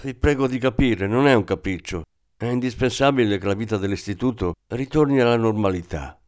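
A man's voice: fairly low pitch, fairly quick, darkish tone, clean tone, close to an everyday voice. A man reading a controlling, formal male school principal. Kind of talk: audiobook reading.

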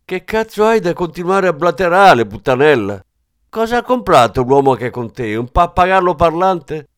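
A man reading an audiobook, voicing a nasty old landlady who yells in a shrill, shouting voice. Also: big pitch swings, normal speed, no echo, studio quality. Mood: angry.

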